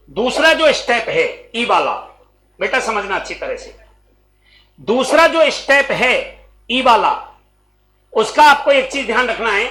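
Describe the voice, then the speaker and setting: A man's voice: very high-pitched, pushed and bright, poor audio. A male coaching-class teacher, teaching a Hindi grammar lesson in a classroom and calling questions out to his students. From Rajasthan. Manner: calls out questions to students and repeats answers; slow, drawn-out teaching delivery.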